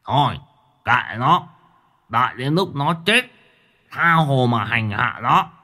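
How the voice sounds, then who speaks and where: A man's voice: mid-range voice, lively intonation, bright, forceful tone, voice pushed up, exaggerated voice. A man voicing a cruel, sneering ghost gang boss in a ghost story. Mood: menacing. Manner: smirking, drawn-out menace.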